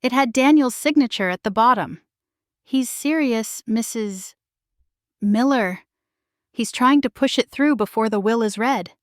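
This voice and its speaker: A woman reading the part of an anxious, loyal young female employee, in an urgent, hushed manner. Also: on the high side, unhurried, no echo, studio quality, natural voice.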